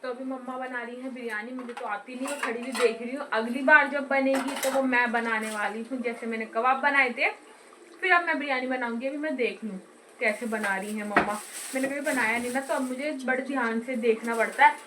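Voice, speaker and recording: A woman's voice: fairly high pitch, fairly quick, very noisy. A woman vlogging casually from her home kitchen, chatty and laughing at herself, filmed on a phone in a roomy room. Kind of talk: casual home cooking vlog.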